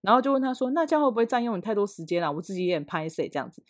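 A woman with a Taiwanese Mandarin accent co-hosting a podcast. She tells a story about a coworker in a casual, animated and indignant way. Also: medium pitch, racing, no echo, studio quality. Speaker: podcast co-host. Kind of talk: casual chat.

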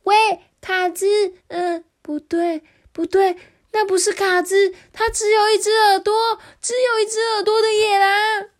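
A woman's voice: very high-pitched, little pitch movement, racing, few pauses, darkish tone, pitched above the performer's own voice. A woman voicing a small, frightened young goat in a children's story. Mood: excited scared.

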